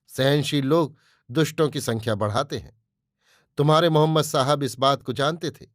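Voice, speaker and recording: Man reading as a forceful young nationalist, preachy, emphatic, slightly high voice, dry sound. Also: dry recording, close to an everyday voice. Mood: stern. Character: fiery young male nationalist, forceful lecturer.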